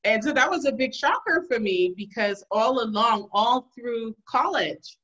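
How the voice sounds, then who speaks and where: A woman with a higher-pitched voice talks at a measured pace on a muffled recording. Interviewed as a podcast guest, the emergency physician from Liberia in West Africa recounts stories animatedly and casually, laughing often.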